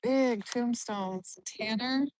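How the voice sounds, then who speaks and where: A woman's voice: a little high, drawn-out words, a little mellow, slight background noise. A woman live-streaming on a phone while walking through an outdoor cemetery, chatting casually and answering viewers' comments. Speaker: genealogy vlogger.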